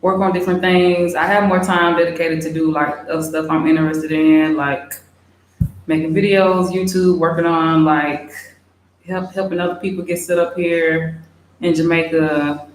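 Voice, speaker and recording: Chatty woman in an echoey room. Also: deep voice. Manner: relaxed, chatty, many fillers, reads viewer questions aloud. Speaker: expat vlogger. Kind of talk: casual livestream Q&A. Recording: very echoey room, faint hiss.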